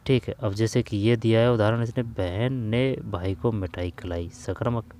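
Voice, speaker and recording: A man's voice: lowish voice, moderate pace, darkish tone, slight background noise. Man teaching grammar, thinking aloud. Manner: thinks aloud, repeats phrases while reasoning. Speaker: exam-prep grammar teacher. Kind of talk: casual spoken lesson, working through exam questions.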